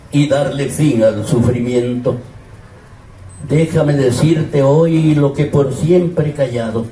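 Older Mexican male, grand impassioned poetry declamation, unhurried delivery, distant echoey outdoor PA. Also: medium pitch, warm tone. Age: older, 60s or 70s. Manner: impassioned, theatrical, drawn-out phrasing. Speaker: poetry reciter at a public event. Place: open-air covered plaza before a seated audience. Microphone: handheld microphone over PA, recorded from a distance. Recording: echoey distant PA, background noise.

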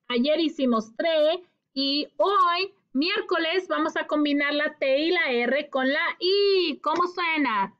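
A woman's voice: high voice, a bit bright, highs cut off. A woman teaching children a phonics lesson, patiently sounding out syllables, rolling her R and answering her own questions.

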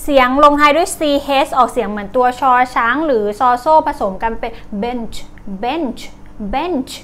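A woman teaching English words to children, with a Thai accent, saying each word slowly over and over. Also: on the high side, fairly bright tone, a little hiss or hum. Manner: slow, drawn-out repetition of each word. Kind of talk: vocabulary lesson for children.

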